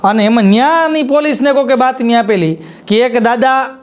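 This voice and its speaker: A man's voice: very high-pitched, moderate pace, smooth. A man with a Kathiyawadi Gujarati accent telling folk jokes on stage, doing many quoted voices and repeating his punchlines. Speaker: folk comedian. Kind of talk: live stand-up joke telling.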